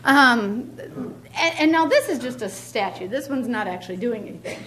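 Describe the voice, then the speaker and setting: A woman's voice: a little high, lively intonation, moderate pace, a bit bright, a little hiss or hum. A middle-aged woman giving a keynote lecture at a podium in a large lecture hall, emphatic, repeating key words, with frequent ums. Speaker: keynote speaker. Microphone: podium mic, filmed from far back.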